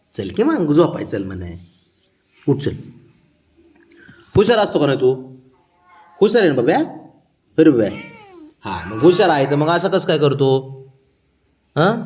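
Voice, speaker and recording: Man, coaxing a pet in lively singsong baby talk. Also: medium pitch. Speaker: cat owner coaxing his pet.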